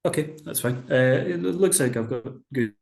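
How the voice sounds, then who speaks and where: Over a video call picked up by his computer mic, a man hosts a whisky tasting, chatty and explanatory with lots of fillers. His medium-pitched voice is expressive, fairly quick, creaky and darkish, in an echoey room.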